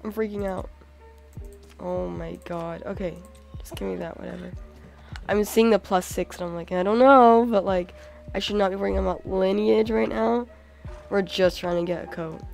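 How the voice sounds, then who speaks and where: Battling a cold, a young woman who hosts a gaming channel talks over her game at a moderate pace, her mid-range voice hoarse and worn. She turns excitable, leaning on "like" and "oh my god," with soft game music faint in the background.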